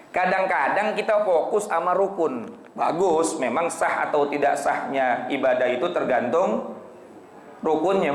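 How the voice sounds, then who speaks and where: A man's voice: a little high, vocal fry. A man preaching, telling stories in a folksy way and asking the crowd questions. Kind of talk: lively sermon storytelling. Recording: echoey hall.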